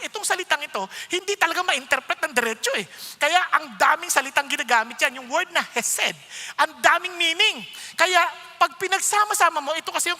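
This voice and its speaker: Male preacher, emphatic conversational sermon delivery, bright tone. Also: very high voice, big-room sound.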